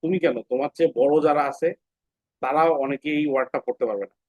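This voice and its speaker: A man's voice: a little high, steady tone, no echo. Patient man teaching a classroom phonics lesson. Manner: patient, asks questions then answers them, repeats words slowly. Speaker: English teacher. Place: classroom with students. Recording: dull, dry lo-fi sound.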